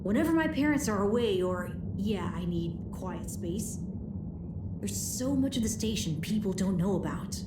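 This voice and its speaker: A woman's voice: mid-range voice, lively intonation, moderate pace, heavy background noise, natural voice. A woman voicing a curious, mischievous young schoolboy in a video game, speaking casually and conspiratorially with a touch of world-weariness. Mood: confident, secretive. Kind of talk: video game character dialogue. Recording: music behind the voice. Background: clear music.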